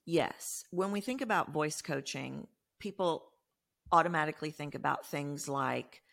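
This podcast guest is a Texas voice coach with a Texan accent who describes her work animatedly and with emphasis. Her voice sits low and has a creaky quality, and she speaks a little slowly.

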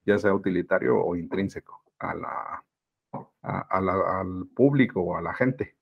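Gravelly low Mexican man, lo-fi. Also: unhurried. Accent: Mexican Spanish. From Mexico City. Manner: reflective, hesitant with fillers. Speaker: podcast guest, business mentor. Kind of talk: casual conversation.

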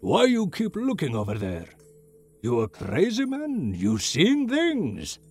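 A man voicing a pushy old male shopkeeper who wheedles, whispers and booms, with faint music behind. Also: takes it slowly, exaggerated voice. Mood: furious. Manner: whispering then booming, high and animated.

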